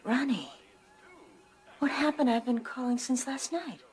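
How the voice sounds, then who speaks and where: A woman's voice: high voice, measured pace, a little mellow, soft background music. An actress playing a worried woman who keeps pressing with anxious questions about her missing sister-in-law. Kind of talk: film drama. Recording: film soundtrack with background noise.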